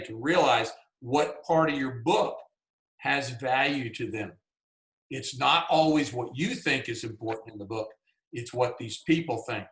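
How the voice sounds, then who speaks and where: A man's voice: medium pitch, fairly bright tone. A man from Georgia with a Southern accent, presenting a writing workshop over a video call in a folksy, conversational way. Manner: folksy and conversational, many "you know"s. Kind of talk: teaching a writers' workshop. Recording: roomy echo.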